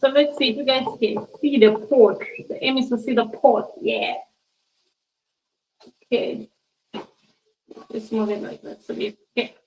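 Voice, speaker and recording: Woman, cooking vlogger, chatty, addresses viewers as guys, fairly high voice, roomy echoey home kitchen. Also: unhurried, long pauses, darkish tone, far from the mic, slight background noise. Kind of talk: casual cooking demonstration.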